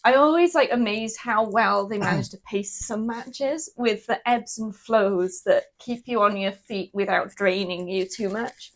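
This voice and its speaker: A woman's voice: mid-range voice, a little slow, hardly any pauses. A Welsh woman co-hosting a casual wrestling reaction chat, recapping matches with plenty of ums and laughs. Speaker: co-host.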